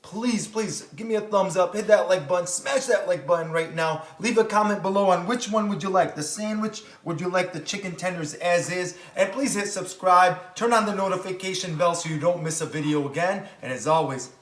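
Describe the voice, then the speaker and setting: A man's voice: high-pitched, fairly quick, hardly any pauses, fairly bright tone. Upbeat man hosting a cooking video. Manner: upbeat, enthusiastic, talks straight to viewers. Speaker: cooking show host. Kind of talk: home cooking video narration. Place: home kitchen. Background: oil frying and sizzling.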